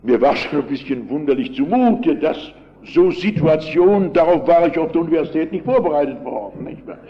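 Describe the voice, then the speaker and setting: An older male pastor preaching a sermon with emphatic storytelling, moving between loud and quiet delivery. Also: on the high side, lively intonation, brisk, lo-fi sound.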